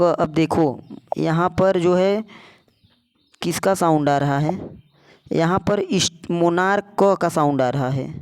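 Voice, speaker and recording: Slow, clear-voiced male tutor. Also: high voice. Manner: asks rhetorical either-or questions, repeats words. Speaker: English tutor. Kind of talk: explanatory lesson.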